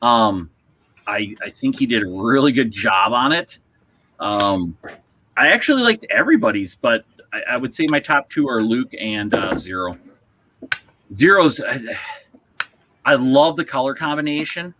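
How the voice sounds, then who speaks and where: A man's voice: medium pitch, big pitch swings, bright, forceful tone, a little hiss or hum, rough recording. A man co-hosting a hobby podcast, chatting casually and rambling with lots of restarts. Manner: rambling, halting with many restarts. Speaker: podcast co-host. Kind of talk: casual chat.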